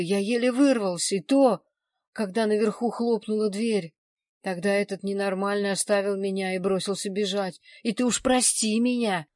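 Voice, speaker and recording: A reader voicing a hoarse, shaken man who was just choked and keeps coughing, speaking in a raised, agitated voice. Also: sits high, no room sound, studio quality, voice pushed up, close to an everyday voice.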